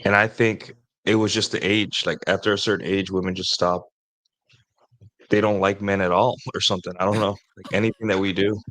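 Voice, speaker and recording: Podcast co-host, male, lower voice, hesitant talker; his audio sounds robotic and metallic, with electrical interference. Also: little pitch movement, a little fast, fairly bright tone, no room sound. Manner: rambling, hesitant, trails off with fillers. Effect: robotic, metallic voice with signal cutting in and out. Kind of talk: casual podcast chat. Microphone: desk mixer setup.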